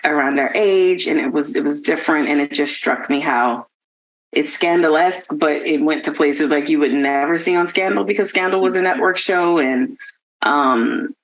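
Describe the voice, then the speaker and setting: A woman's voice: low voice, rough recording. A woman co-hosting a podcast, joking around with frequent laughter in casual chat. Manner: joking, laughs often, animated. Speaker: podcast co-host.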